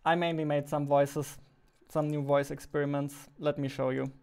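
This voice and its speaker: A man's voice: a little high, flat delivery, normal speed, gravelly, music in the background. A young man with a German accent, chatting casually in a game development vlog. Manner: chatty, self-deprecating, laughs often.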